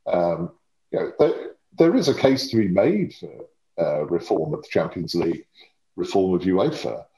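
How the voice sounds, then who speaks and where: A man in his fifties speaks in a low voice with a home counties English accent. He talks conversationally as an interview guest, articulate but often hedging and correcting himself, and the room around him sounds echoey. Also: animated, moderate pace, mellow. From Surrey, England. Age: 50s. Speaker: interview guest, lobbying and communications professional.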